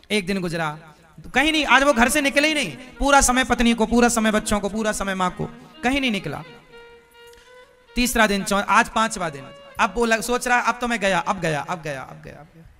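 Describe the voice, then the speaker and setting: Male preacher, high bright voice, folksy storytelling sermon, faint music underneath. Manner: folksy, asks the audience questions.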